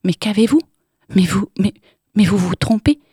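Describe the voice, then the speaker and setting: A woman voicing a frightened, genteel married woman who pleads in a high, strained, stammering voice in an audiobook reading. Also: expressive, normal speed, mellow, slightly rough, no echo, studio quality. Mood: panicked.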